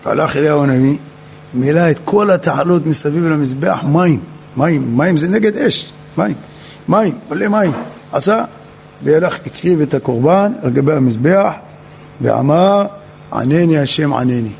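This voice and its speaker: A male rabbi, telling a Torah story in an animated way, acting out the quotes and adding humorous asides. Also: on the high side, gravelly, a little hiss or hum.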